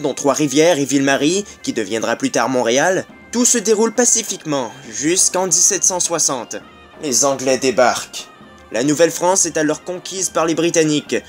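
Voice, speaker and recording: A man with a Québécois accent narrating a comic history lesson with wry, sarcastic asides. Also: a little high. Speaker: video host.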